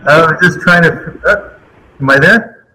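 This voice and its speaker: A man's voice: on the high side, measured pace, background noise. A man calling in on a speakerphone, asking brief, plain questions on a conference call. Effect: phone on speakerphone.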